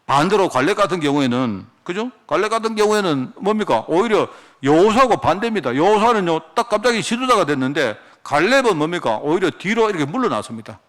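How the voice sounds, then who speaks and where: A male pastor delivering a sermon with a high, lively voice that climbs and dips all over. He keeps tossing rhetorical questions at the congregation. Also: fast, hardly any pauses. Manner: animated preaching with rhetorical questions.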